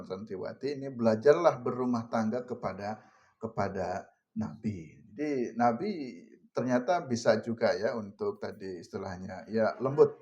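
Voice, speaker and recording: A man's voice: lowish voice, a little mellow. Chatty man preaching. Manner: chatty, addresses audience directly, laughs often, mixes Javanese words. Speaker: religious teacher. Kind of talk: informal religious lecture. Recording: muffled lo-fi recording.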